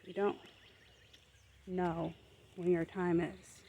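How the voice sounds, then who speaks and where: Woman vlogging on her phone on a walk outside, talks real slow and thoughtful, bit of faint nature sound behind. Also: fairly low pitch, level tone, dull audio, slight background noise. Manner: unhurried, reflective, gently motivational. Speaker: lifestyle vlogger. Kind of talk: casual reflective vlog monologue. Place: outdoors walking up a hill.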